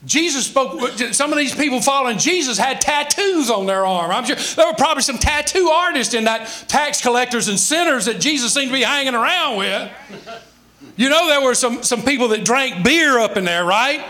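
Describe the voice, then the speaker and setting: Animated and forceful, this very high, bright voice belongs to a Southern-accented pastor in his sixties speaking at normal speed. He preaches with emphasis, posing rhetorical questions and tossing in folksy asides.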